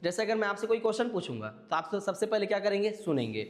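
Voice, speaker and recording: A man's voice: high voice, very animated, fast. Male teacher lecturing in a reverberant room. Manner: explains step by step, keeps checking in with listeners. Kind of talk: classroom lecture.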